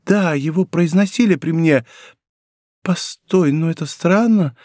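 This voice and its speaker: A fragile young woman, high and pleading, her words tumbling out breathlessly, as a male reader raises his voice for her. The sound is close and dry, the way a studio audiobook is. She clings to the man she loves. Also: a little slow, a little mellow, no room sound, close to an everyday voice. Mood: anxious. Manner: pleading, breathless emotional delivery. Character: young woman, frail, loving, dying of poison. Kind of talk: audiobook role reading.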